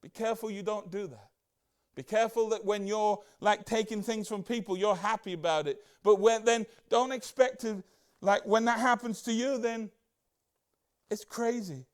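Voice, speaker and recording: A man preaching a casual Bible-study sermon as a church pastor, chatty and excitable, full of rhetorical questions and asides. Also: high voice, moderate pace.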